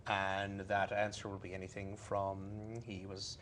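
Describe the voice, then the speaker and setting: A stage actor puts on an Irish accent for an improvised, casual interview, chatting playfully and expressively. His deep voice is monotone and a little slow, with a fairly bright tone. The live stream recording has clear background noise.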